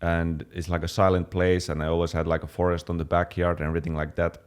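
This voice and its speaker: A young man from Finland chatting casually as a fitness channel co-host, relaxed, with many fillers and restarts. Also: sits low, fast talker. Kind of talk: casual chat.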